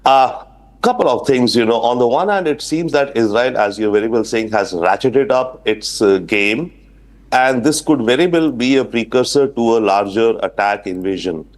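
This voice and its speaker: A man with an Indian accent and a mid-range, animated voice speaks at normal speed. He appears as an international affairs expert guest, offering explanatory analysis on live news.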